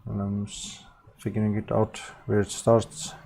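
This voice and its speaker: An Icelandic man chatting casually on a live stream as he paints, halting and correcting himself often, with frequent small chuckles. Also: lowish voice, monotone, gravelly, warm tone, slight background noise. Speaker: livestreaming painter.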